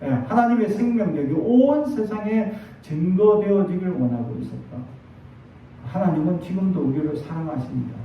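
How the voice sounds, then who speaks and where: A middle-aged man preaching a sermon as pastor, telling stories in an animated way and acting out quotes. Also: high-pitched, normal speed. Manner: animated storytelling with acted quotes. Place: church sanctuary. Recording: echoey distant, dull church sound.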